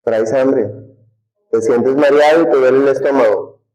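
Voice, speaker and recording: A male teacher with a voice in the middle of the male range lectures his class at normal speed in a relaxed, conversational style, recorded on poor audio. He keeps tossing questions at the students and answering them himself.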